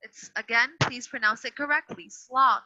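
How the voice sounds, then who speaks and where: A woman teacher runs an online grammar class in a high-pitched, bright, forceful voice at a moderate pace. Firm but patient, she repeats things and corrects her students. The sound is dull, lo-fi video call audio.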